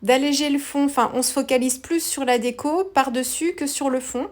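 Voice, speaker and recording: Woman, craft tutorial voice-over, hesitant, fairly high voice. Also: moderate pace. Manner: relaxed, hesitant, many fillers.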